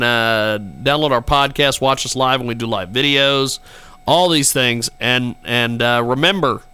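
A man hosting a live talk broadcast with a gravelly, bright voice. His sound is smooth and clear. He jokes sarcastically about technical hitches in a loose, casual way. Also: medium pitch. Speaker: radio show host.

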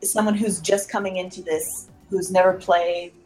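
A woman chatting casually as a podcast guest, her voice coming through a low-quality microphone. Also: steady tone, normal speed, a little mellow. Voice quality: thin cheap-microphone sound. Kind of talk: casual chat. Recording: low-quality mic, music behind.

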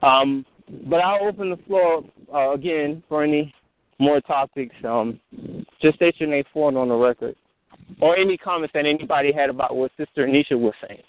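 Halting man on a tinny phone line. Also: on the high side, no echo. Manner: halting, many fillers and restarts. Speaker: host of a call-in fellowship discussion. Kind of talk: casual phone discussion.

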